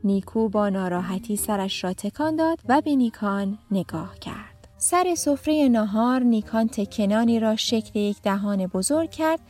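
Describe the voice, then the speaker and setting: A woman narrating a children's storybook in a gentle, expressive read-aloud manner. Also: medium pitch, hardly any pauses. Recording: faint background music.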